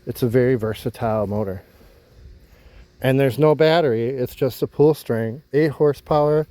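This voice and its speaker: Man, mellow warm tone, casual vlog narration, easygoing explainer, outdoors on a houseboat. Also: mid-range voice, moderate pace, dry recording. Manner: easygoing, explains while working with his hands. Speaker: vlogger.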